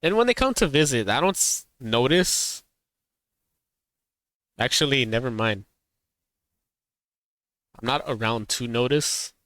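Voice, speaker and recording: A man in casual live-stream chat, reacting to a video. His voice is smooth and resonant, recorded dry and close with no room echo. He rambles, laughs easily and drives his warnings home with emphasis. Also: medium pitch, lively intonation, takes it slowly, pauses often, a bit bright.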